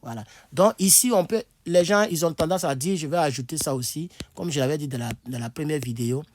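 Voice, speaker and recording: A man's voice: on the high side, brisk, darkish tone. A tired man giving a casual online language lesson from his bed, chatty and repetitive as he demonstrates phrases. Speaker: English teacher.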